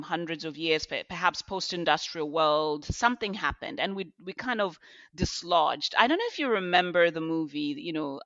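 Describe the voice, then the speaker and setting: A woman's voice: lowish voice, fairly bright tone, no room sound, muffled recording. A middle-aged woman, a podcast guest telling reflective stories with restarts. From Zambia. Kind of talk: podcast interview.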